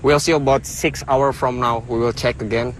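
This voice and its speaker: A man in a nature documentary explaining his field work outdoors in simple, halting phrases. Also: medium pitch, fairly even intonation, loud music behind the voice.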